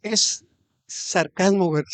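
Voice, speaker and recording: A man's voice: high voice, slow, no room sound. Conversational man preaching a sermon. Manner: conversational, with rhetorical questions and hesitant restarts. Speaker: pastor. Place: church hall.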